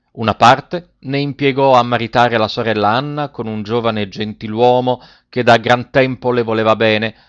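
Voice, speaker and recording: A man reading a fairy tale aloud as narrator, with a measured, expressive delivery. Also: mid-range voice. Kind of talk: storybook reading. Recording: dry, slightly muffled recording.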